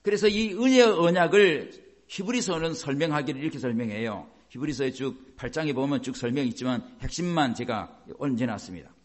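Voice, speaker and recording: A man's voice: mid-range voice, fairly quick. A man preaching a sermon as a pastor, explaining by asking the congregation questions and acting out quoted voices.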